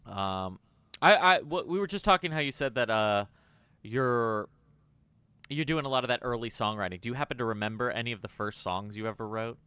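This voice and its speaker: A man in his mid-thirties hosts a relaxed conversation, rambling and self-deprecating. His voice is clean and bright, recorded close and dry with no room sound. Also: mid-range voice, brisk, clear, resonant tone, no room sound. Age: 30s. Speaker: host. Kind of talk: casual chat.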